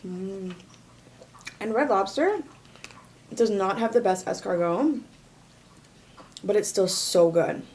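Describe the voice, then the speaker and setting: A woman chatting casually to camera as she eats, talking with her mouth full in a playful, expressive way. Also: medium pitch, slow pace, pauses often, a little hiss or hum. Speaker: vlogger doing a mukbang and Q&A. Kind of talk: casual chat to camera while eating.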